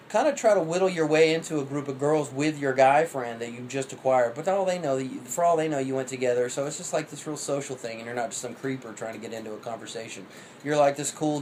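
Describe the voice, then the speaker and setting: A man's voice: mid-range voice, fairly quick, a little mellow, a little hiss or hum, rough recording. A man in his thirties giving rambling, profane dating advice in a cocky, offhand way. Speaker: vlogger.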